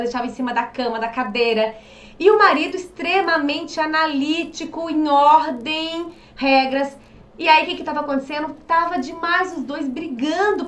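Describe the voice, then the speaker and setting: A woman coaching on behavioral profiles in a casual, animated way, asking rhetorical questions and acting out quoted voices. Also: sits high. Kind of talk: casual teaching monologue. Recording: echoey room, mic at a distance.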